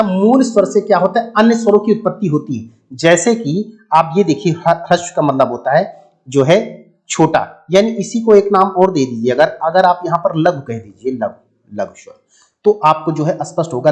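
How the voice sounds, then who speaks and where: Male grammar teacher, slightly high voice, patient repetitive explainer, sounds out vowels. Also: lively intonation, moderate pace. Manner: explanatory, addresses viewers as friends, repeats and drills sounds. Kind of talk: exam-prep lesson.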